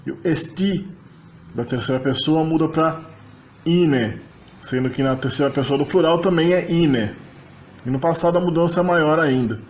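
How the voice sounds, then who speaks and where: A man talks through lecture slides at an even, methodical pace. His voice sits a little higher than most men's. He explains each point patiently, like a teacher working through a table. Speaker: linguistics lecturer.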